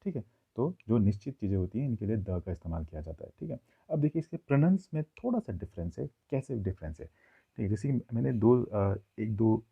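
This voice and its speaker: A man teaching a classroom grammar lesson, explaining slowly and checking in with his listeners often. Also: fairly low pitch, creaky, breathy edge. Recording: tinny phone-like audio.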